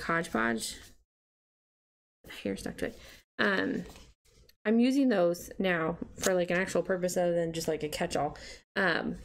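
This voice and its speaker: A woman's voice: lowish voice, slight background noise. A young adult woman chatting casually and rambling with many fillers while she decorates her planner. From United States. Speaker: planner vlogger. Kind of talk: casual plan-with-me chat.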